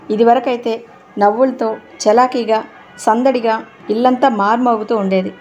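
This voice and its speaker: A woman narrating a novel aloud in a steady storytelling reading. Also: a little high. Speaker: audiobook narrator.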